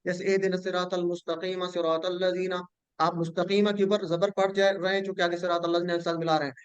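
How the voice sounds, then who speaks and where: A man's voice: high-pitched, level tone, quick pace, clean tone, no echo, dull audio. A man teaching an online class, patiently drilling word patterns with his students.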